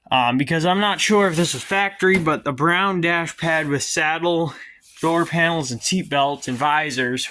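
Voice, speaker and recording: A man's voice: a little high, a bit bright. Chatty New man in his garage. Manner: rambling, hesitant with many ums. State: out of breath at times. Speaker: garage vlogger. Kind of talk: casual workshop vlog. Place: home garage.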